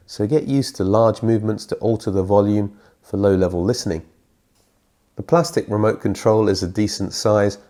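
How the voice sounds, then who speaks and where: A middle-aged British man whose voice is thick and croaky from a cold that won't go away. He reads through a scripted review in a low, mellow voice, now and then slipping in a dry joke at his own expense.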